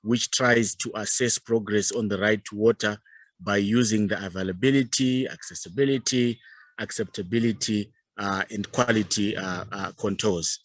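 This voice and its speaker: A man from a youth organization delivers a formal presentation in a Zimbabwean accent, measured and full of pauses. His pitch is fairly low with fairly even intonation, and there's no room sound.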